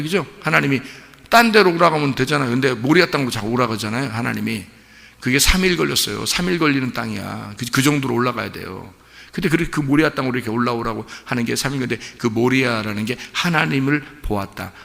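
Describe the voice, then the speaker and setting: A man, a pastor, preaching an animated sermon in a church, acting out the voices of biblical figures. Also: medium pitch, creaky. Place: church sanctuary. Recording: long church hall reverb.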